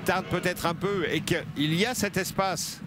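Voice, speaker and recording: A man's voice: high voice, a little slow. A man giving sports commentary as an analyst, breaking down the play. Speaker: match analyst. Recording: loud outdoor stadium noise behind. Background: loud ambient noise.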